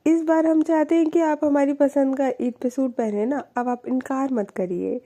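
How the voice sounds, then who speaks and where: A woman reading the lines of a shy young woman in love, in a soft, coaxing way. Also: high voice, steady tone, moderate pace.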